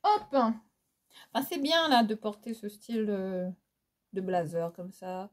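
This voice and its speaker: Speaking slowly at a medium pitch, this woman is very animated as she talks viewers through her fashion haul. She has a Réunionese French accent, and her casual vlog chat is theatrical, full of laughter and filler words.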